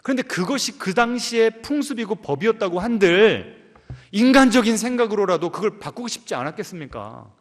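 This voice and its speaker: A man's voice: high voice, a little fast, long reverb tail. A male pastor preaching a sermon, asking the congregation questions and acting out the characters' lines. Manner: animated preaching that acts out the story characters' lines; asks the congregation frequent questions. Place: church sanctuary.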